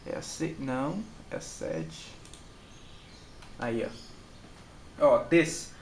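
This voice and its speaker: A man's voice: mid-range voice, very animated, drawn-out words, creaky. A Brazilian man with a Brazilian Portuguese accent, casually walking through his study notes. He repeats each example word and keeps checking in with his listener. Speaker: channel host and Japanese learner. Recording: echoey room with faint background noise.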